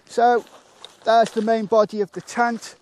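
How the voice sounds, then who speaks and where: A man casually demonstrating how to pitch a tent outdoors, chatting and thinking aloud with fillers, poking fun at himself. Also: little pitch movement, a little slow, a little mellow, a little hiss or hum. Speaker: motorcycle touring reviewer.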